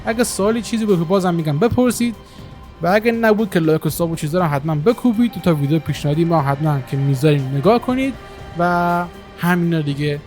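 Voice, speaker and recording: Relaxed man with a slightly high voice. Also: faint music behind. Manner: relaxed, many filler hesitations. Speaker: gaming channel host. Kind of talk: casual game-settings tutorial. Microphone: single desktop microphone.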